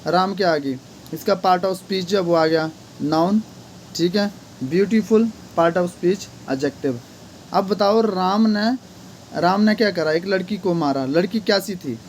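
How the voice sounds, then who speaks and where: A man's voice: high-pitched, takes it slowly, slight background noise. A man teaching an English grammar lesson, repeatedly asking questions and answering them himself.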